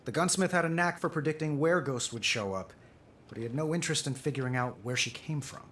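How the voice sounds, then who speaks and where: A man's voice: fairly high pitch, a bit bright, slight background noise, close to an everyday voice. A man playing a driven, wisecracking superhero inventor in a video game, sardonic and casual. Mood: subdued, reflective. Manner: sardonic, casual, quick to quip. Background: music.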